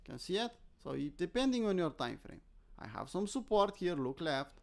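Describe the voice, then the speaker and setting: Hosting live trading commentary, a crypto trader from Romania speaks with a Romanian accent in a loose, self-mocking style, often posing questions only to answer them himself. His high voice is very animated, with vocal fry and a moderate pace.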